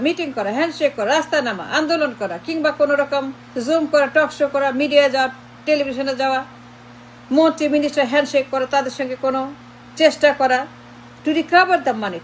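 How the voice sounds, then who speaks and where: Woman, high-pitched, confrontational political commentary, repeated rhetorical questions, code-switching, faint background noise. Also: low-quality recording. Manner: switches between Bengali and English. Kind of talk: impassioned online political monologue.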